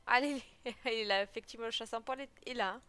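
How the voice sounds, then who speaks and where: A woman's voice: a little high, fast, a bit bright, faint music behind. A woman giggling and chatting casually as she comments on her game, now and then meowing playfully. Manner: giggly, chatty, exclaims often; plays with cute meows. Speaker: let's play gamer.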